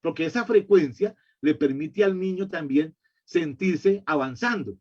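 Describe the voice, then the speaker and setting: A man's voice: on the high side, a little slow, darkish tone, breathy edge. A literacy educator giving a slide-based lecture, explaining step by step and answering his own rhetorical questions. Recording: dull lo-fi recording.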